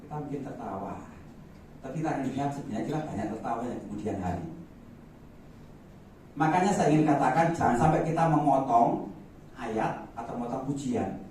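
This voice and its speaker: Man from East Java, preacher, joking, pitch leaps for emphasis, very echoey church hall, distant mic, faint hiss. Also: expressive, fairly quick, pauses often, darkish tone. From Malang, East Java, Indonesia. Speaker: guest preacher. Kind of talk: sermon.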